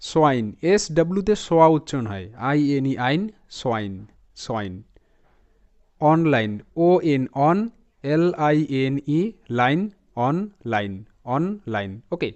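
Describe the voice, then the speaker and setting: A man with a Bengali accent teaching English reading, spelling words out letter by letter and repeating them slowly. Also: on the high side, clean tone. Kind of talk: spelling and pronunciation lesson. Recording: slightly dull lo-fi recording.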